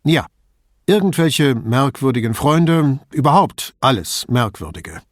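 A man reading an audiobook, voicing a firm, dryly ironic male police commissioner giving brisk instructions. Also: mid-range voice, big pitch swings, no room sound, clean studio sound.

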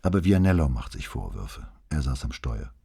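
A man's voice: extremely low pitch, big pitch swings, moderate pace, creaky, warm tone, slightly rough, heavily acted. Man voicing a weary, subdued commissioner. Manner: subdued, downplaying. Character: weary, shaken middle-aged police commissioner. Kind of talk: audiobook dialogue.

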